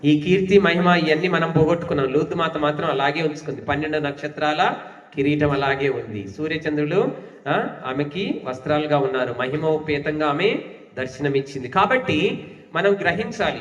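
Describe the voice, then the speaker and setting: A man's voice: fairly high pitch, animated, moderate pace. A man preaching a sermon as pastor, asking the congregation questions and urging them to clap. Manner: rhetorical questions, urging claps. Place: church hall. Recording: echoey hall, distant mic.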